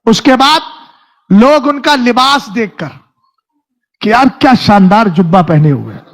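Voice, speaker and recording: A man's voice: very high-pitched, expressive, measured pace. A man preaching a religious sermon, reciting Arabic verses and then explaining them, often asking his listeners whether they have understood. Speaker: Islamic preacher.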